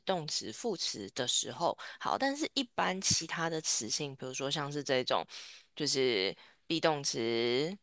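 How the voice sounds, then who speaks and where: A woman's voice: low-pitched, fairly bright tone, dry recording, studio quality. A woman teaching an English lesson. She patiently explains grammar and starts nearly every phrase with "好".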